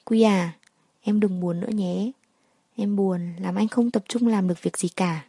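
A woman's voice: mid-range voice, steady tone, measured pace, dark tone, husky, no room sound. A woman voicing a cheerful young husband who teases his wife, read as a storybook character. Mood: tender.

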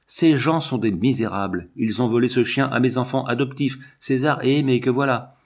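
A man reading aloud, voicing a calm, upright older male guardian who speaks firmly. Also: fairly low pitch, normal speed, slightly rough, heavily acted. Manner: firm, calm.

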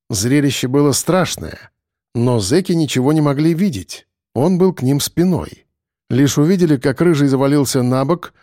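A man narrating a dark audiobook in a dramatic, expressive way. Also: a little high, dry recording, studio quality.

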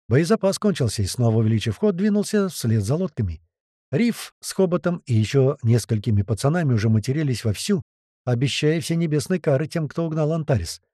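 Lively dark-voiced male audiobook narrator. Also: mid-range voice, no room sound, clean studio sound. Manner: lively, vivid storytelling. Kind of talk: first-person audiobook narration.

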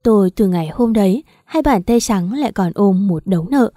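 A woman reads an audio story aloud in a steady, calm narration. Her voice is warm and mellow, at a middle pitch. The recording is dry with no room sound. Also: normal speed, no room sound.

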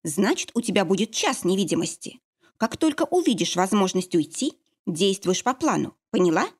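Audiobook: hard-edged young woman giving orders, read by a woman, growling, with a lively voice. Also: mid-range voice, normal speed, slightly rough. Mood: fierce. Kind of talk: audiobook character voice.

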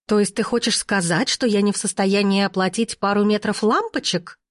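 A woman voicing a shrill, capricious, imperious wealthy female client in an audiobook. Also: brisk, no echo, clean studio sound, natural voice. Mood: hysterical. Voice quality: shrill, squealing. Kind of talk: audiobook reading.

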